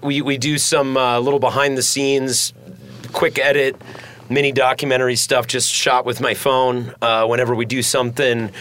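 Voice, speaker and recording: A man's voice: mid-range voice, flat delivery, normal speed, fairly bright tone, slight background noise. A man hosting a podcast in a studio, chatting casually and rambling with lots of fillers and swearing. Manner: rambling and profane, many fillers. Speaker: podcast host. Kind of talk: casual chat.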